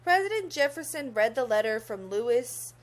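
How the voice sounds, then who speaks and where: A young woman in her young adult years reads a story for children in a fairly high, very animated voice. She is teacherly and pauses to question her young listeners.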